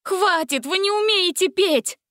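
A woman's voice: lively intonation, moderate pace, no echo, clean studio sound. A woman voicing a frightened but feisty young girl held prisoner in a storybook. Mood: desperate. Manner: high, pleading, exasperated.

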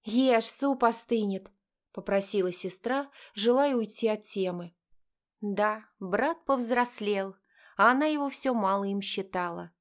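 A woman narrating an audiobook in an even, measured storytelling manner. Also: mid-range voice.

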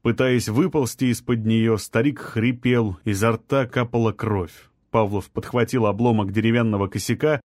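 A man's voice: mid-range voice, steady tone, moderate pace, hardly any pauses, darkish tone, dry recording. Man narrating an audiobook, dry sound. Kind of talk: scripted narration.

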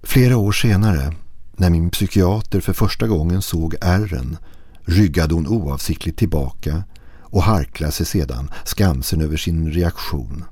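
A man narrating a listener's horror story in a slow, hushed, brooding manner. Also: deep voice, husky, no echo.

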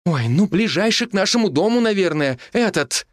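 A man voicing an excitable tearful young wife. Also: moderate pace, dry recording, studio quality. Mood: excited. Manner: high, excited, pleading.

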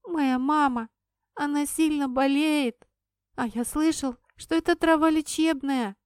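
A woman voicing a stubborn ten-year-old village boy who talks gruffly and sniffles in an audiobook. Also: medium pitch, a little slow, no room sound, clean studio sound, close to an everyday voice. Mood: tearful. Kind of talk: audiobook character voice.

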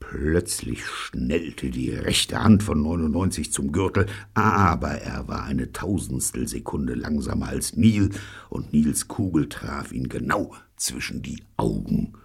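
A man's voice: a bass voice, animated, slow pace, creaky, slightly rough. A man narrating an audiobook in a dry storytelling manner.

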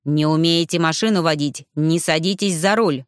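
Woman narrator putting on a rude arrogant man on horseback, lower and loud, barking, dry recording. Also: moderate pace, no room sound, lightly acted. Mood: irritated. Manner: barking, contemptuous. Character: rude gruff male rider and mage, arrogant.

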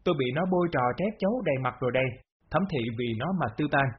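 A man's voice: on the high side, lively intonation, very fast, slight background noise, natural voice. A man reading the lines of a harsh, scheming middle-aged father who barks curt orders. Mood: furious. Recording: dull lo-fi audio.

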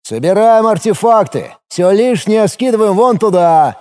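A man voicing a rough, domineering gang leader who barks orders in an audiobook. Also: high-pitched, animated, unhurried, mellow, voice pushed up. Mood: commanding. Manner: barking, crude, domineering. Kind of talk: audiobook character voice.

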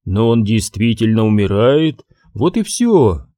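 A man reading an audiobook, voicing a cold, mocking young man who speaks with smug calm. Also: lowish voice, a little slow, no echo, studio quality.

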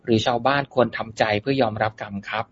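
A man's voice: medium pitch, fairly even intonation, quick pace. A man moderating a dharma talk, politely reading out listeners' questions to a monk. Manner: polite, reads questions aloud. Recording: dull lo-fi sound with faint noise.

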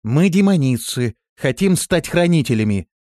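A man's voice: mid-range voice, very animated, moderate pace, a little mellow, dry recording, clean studio sound, voice pushed up. A man reading an audiobook, voicing a bold young female demoness who speaks firmly and decisively. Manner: firm, decisive, thoughtful. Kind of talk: audiobook character voice.

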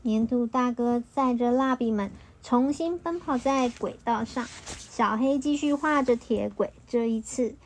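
A woman reading a children's storybook aloud to a child, in a lilting, expressive voice. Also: on the high side, measured pace, slight background noise.

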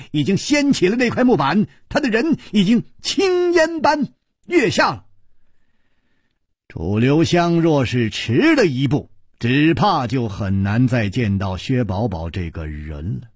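A man narrating a martial arts tale in the traditional storytelling style, dramatic, with sudden hushes, recorded close to the mic. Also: slightly rough, dry recording. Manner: dramatic, slow, with sweeping pitch and sudden hushes.

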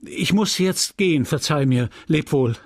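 A nervous young clerk from a classic novel, hesitant and placating, in a gravelly, husky voice, as the male narrator plays him. The read is dry and close. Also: fairly high pitch, animated, unhurried, no room sound, pitched above the performer's own voice.

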